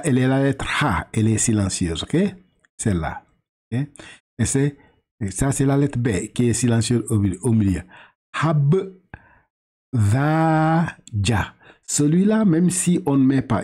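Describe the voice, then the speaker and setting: A man's voice: mid-range voice, dark tone, slightly rough. Patient Senegalese man teaching reading. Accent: Senegalese French. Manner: patient, slow drawn-out syllables, repeats and corrects, halting restarts. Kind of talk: one-on-one reading lesson.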